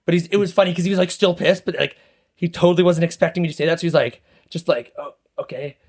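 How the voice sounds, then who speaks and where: A man's voice: high voice, steady tone, racing, darkish tone. Man telling a rambling story. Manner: rambling, lots of fillers and quoted dialogue. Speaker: podcast co-host. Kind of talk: casual storytelling chat.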